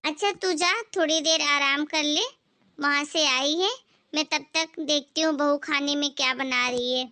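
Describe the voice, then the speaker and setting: A woman's voice: high-pitched, fairly even intonation, unhurried, sharp tone. A woman voicing a stingy middle-aged mother-in-law who talks sharply and dismissively in a cartoon story.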